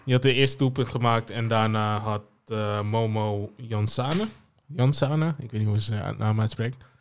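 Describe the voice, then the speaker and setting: Man, podcast co-host, lowish voice, halting delivery. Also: clean tone. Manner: hesitant, many fillers while recounting. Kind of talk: casual football podcast chat.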